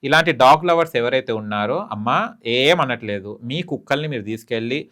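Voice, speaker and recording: A man, a talk-show guest making an emphatic, pleading case and rising in pitch when he urges. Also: fairly quick, a bit bright. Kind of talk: heated opinion talk.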